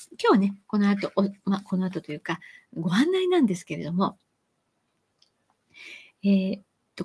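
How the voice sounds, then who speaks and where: A woman hosting a live-stream lesson on reading aloud, talking with lively emphasis, stretching some words and rushing through asides. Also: medium pitch, slightly rough. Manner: lively and animated, with sudden loud chanted demonstrations.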